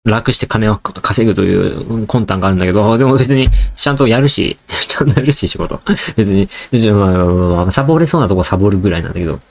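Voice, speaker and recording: Male solo podcaster, casual and rambling, addresses listeners directly, quick delivery. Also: fairly low pitch. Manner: rambling, joking, talks straight to listeners. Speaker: podcast host.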